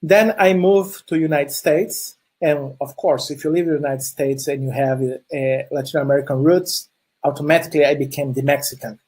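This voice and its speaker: This clip features a fairly high, husky, slightly mellow male voice with fairly even intonation at a moderate pace. He is a middle-aged man from Chile whose first language is Portuguese, and he speaks with a Brazilian Portuguese accent. His conference presentation is friendly but riddled with filler sounds and restarts.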